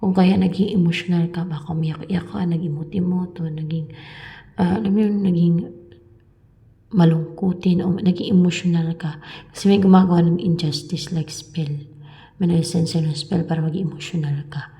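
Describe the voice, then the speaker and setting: A woman with a low, gravelly, mellow voice talks to her viewers about spiritual matters. She meanders and repeats herself, sometimes sinking to a whisper. The room around her is echoey. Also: steady tone, moderate pace. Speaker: spiritual reader. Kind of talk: casual spiritual talk to viewers.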